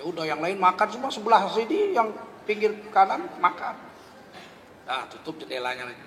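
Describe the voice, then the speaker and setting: Male preacher, high voice, storytelling sermon, acts out dialogue, echoing hall. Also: a little fast. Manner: lively anecdotal telling, acting out both sides of dialogue. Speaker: Islamic preacher. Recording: long hall reverb, faint background noise.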